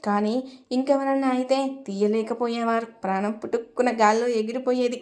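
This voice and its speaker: A woman narrator plays a firm, protective younger sister in a told story. She speaks earnestly and scolds sharply, her voice slightly high and held flat. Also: a little fast, natural voice.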